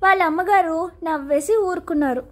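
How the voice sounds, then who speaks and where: A woman narrating a children's story in an unhurried, gentle way. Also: very high voice.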